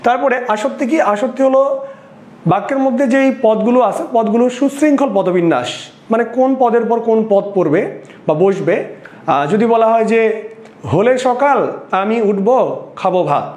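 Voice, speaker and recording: A man's voice: very high-pitched, lively intonation, moderate pace, darkish tone, roomy sound. A male teacher with a Bangladeshi Bengali accent giving an exam-prep lecture, explaining step by step and asking and then answering his own questions.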